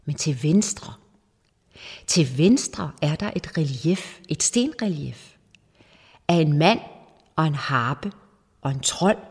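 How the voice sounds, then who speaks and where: A woman retelling an old ballad in an informal, lively way, with dramatic asides and humor. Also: fairly low pitch, slightly rough. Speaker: speaker explaining a folk ballad. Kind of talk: informal storytelling lecture. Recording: long hall reverb.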